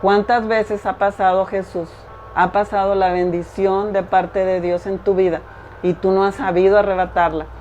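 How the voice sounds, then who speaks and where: A woman's voice: mid-range voice, steady tone, moderate pace, darkish tone. A woman preaching a sermon, earnest and repetitive, speaking straight to the listener. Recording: dull lo-fi recording with faint hiss.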